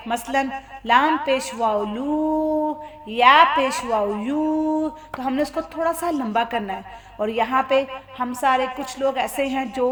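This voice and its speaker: Slow, patient woman reciting teacher. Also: high-pitched. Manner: patient, drawn-out syllables, repeats sounds for learners. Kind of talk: slow tutorial, spelling out letters and vowels.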